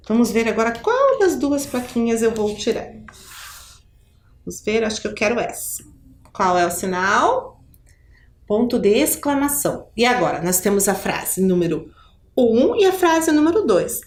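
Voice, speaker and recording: A Brazilian woman from Curitiba teaching a children's video lesson, her fairly high voice swinging up and down in a lively, animated way. She talks patiently and didactically to the pupil and uses fond little diminutives. The room is echoey, with a faint hum of noise behind her. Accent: Brazilian Portuguese, Curitiba. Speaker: primary school teacher.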